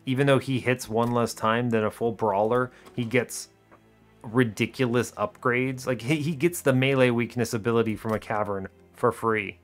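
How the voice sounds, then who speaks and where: Game music sits behind a man whose mid-range voice stays steady at normal speed. Hosting a gaming video, he works through his strategy aloud in terse, casual, wryly colloquial comments.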